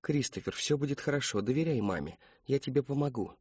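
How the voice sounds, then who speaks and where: Audiobook: man reads a frayed young mother, raised husky voice, coaxing, slightly muffled. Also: mid-range voice, expressive, fast talker, a little mellow, no room sound, voice pushed up. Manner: coaxing, strained. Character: anxious worn-out young mother.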